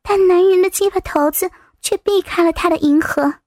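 A woman reading a story aloud as narrator, in a soft, slightly breathy manner. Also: very high voice, normal speed, no echo, studio quality.

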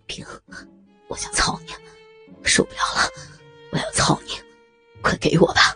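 A woman voicing a lustful middle-aged male official in a hushed, breathy half-whisper, lower than her own voice. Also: sing-song, moderate pace, faint music behind. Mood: panting.

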